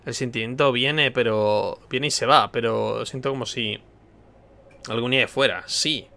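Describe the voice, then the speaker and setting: A man's voice: mid-range voice, unhurried, vocal fry, pushed and bright. A man with an accent from Spain, a streamer joking and commenting playfully while he plays a video game. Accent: Spain Spanish. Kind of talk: casual gameplay commentary.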